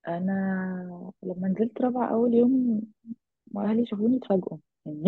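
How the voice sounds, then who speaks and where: A woman with an Egyptian Arabic accent giving a halting, reflective personal account as an interview guest. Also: fairly low pitch, breathy edge, no echo. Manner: halting, reflective, with trailing phrases. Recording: thin, phone-like narrow-band sound.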